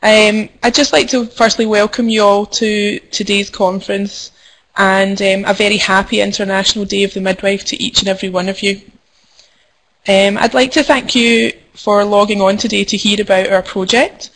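A woman's voice: mid-range voice, little pitch movement, moderate pace, fairly bright tone, low-quality recording. A young adult woman with a Scottish accent, a midwife giving a conference presentation over a web call, friendly and formal with frequent ums. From Scotland. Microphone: computer mic over web conferencing.

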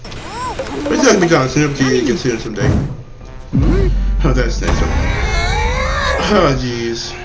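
A reaction video host giving live commentary, excitable with bursts of laughter and shouted reactions. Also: mid-range voice, a little slow, long pauses, echoey room, loud music behind the voice. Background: loud cartoon soundtrack.

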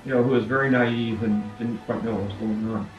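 A man giving brisk, admiring interview commentary. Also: medium pitch, steady tone, dull audio. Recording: roomy, distant mic, loud music under.

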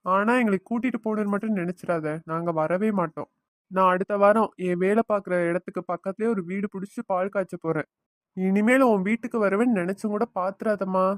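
A woman's voice: mid-range voice, brisk, dry recording, natural voice. Woman voicing a blunt, sarcastic young son-in-law. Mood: scornful. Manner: sarcastic, reproachful. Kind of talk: family cartoon voice acting.

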